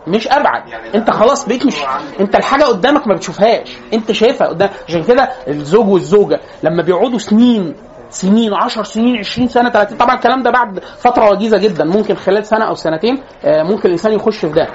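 A man's voice: high voice, racing, highs cut off. A man with an Egyptian accent giving an informal psychology lecture to a class, chatty and joking, often restarting his phrases. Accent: Egyptian Arabic.

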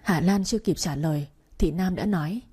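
Mellow-voiced woman narrating a story. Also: on the low side, fairly quick, slightly rough.

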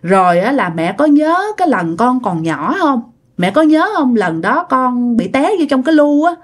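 A woman's voice: fairly high pitch, sing-song, normal speed. A woman with a Southern Vietnamese accent voicing the spirit of a dead young man who speaks sorrowfully through a medium. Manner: sorrowful explaining.

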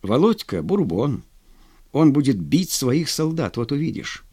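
A man's voice: medium pitch, big pitch swings, measured pace, dark tone, breathy edge. A man reading a story, voicing a hurt young man who mutters in exasperation. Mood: exasperated. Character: hurt sulky young man, jilted brother.

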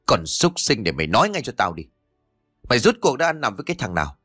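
A man's voice: mid-range voice, sing-song, fast, slightly rough, soft background music, full character voice. A man doing a furious old village father. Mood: furious scolding. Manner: shouting, scolding harshly.

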